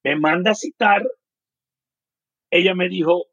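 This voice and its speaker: A Puerto Rican man in his fifties with a notably high, husky voice, telling his story as an interview guest in an animated, detailed way. His Puerto Rican Spanish accent comes through on a dry, somewhat muffled recording. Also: unhurried, no room sound. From Puerto Rico.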